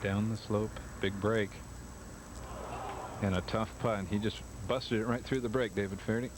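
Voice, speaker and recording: A man's voice: on the low side, fairly even intonation, normal speed. A man working as a golf commentator, giving live commentary on tournament play over outdoor noise. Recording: noisy outdoor broadcast.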